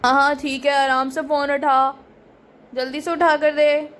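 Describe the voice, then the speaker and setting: A woman's voice: high voice, level tone, measured pace, a bit bright. A woman voicing a menacing male plane hijacker who barks threats in a doll story. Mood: threatening. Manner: threatening, barking orders. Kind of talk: doll story role-play.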